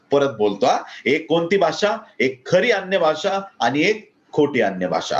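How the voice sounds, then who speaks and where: A man preaching a sermon with a Marathi accent, rising in pitch to declaim his points. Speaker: pastor. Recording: slightly dull lo-fi recording.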